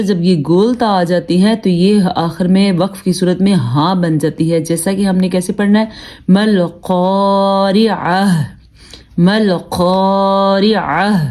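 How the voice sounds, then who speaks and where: A woman teacher who spells out syllables and recites them slowly, then explains rules in quick speech. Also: lowish voice, dark tone. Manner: slow drawn-out recitation between brisk explanations. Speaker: Quran reading teacher. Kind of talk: spelling out and reciting letters for learners.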